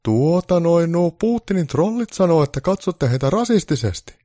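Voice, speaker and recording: A man's voice: on the high side, very animated, dark tone, no echo, studio quality, pitched above the performer's own voice. A man voicing a grumpy old Santa Claus with bellowing, blustery threats, in a comic storybook reading. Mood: bargaining.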